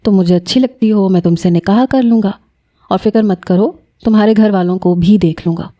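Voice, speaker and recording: A woman voicing a calm, tender young male professor who speaks gently and reassuringly. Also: medium pitch, dull audio, natural voice. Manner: gentle, soothing.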